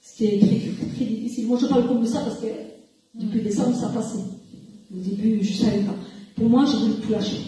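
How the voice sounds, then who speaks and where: A middle-aged woman giving a fervent personal testimony to a church congregation, often halting and restarting her phrases. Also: fairly high pitch, steady tone, mellow. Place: church hall. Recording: echoey church hall, distant mic.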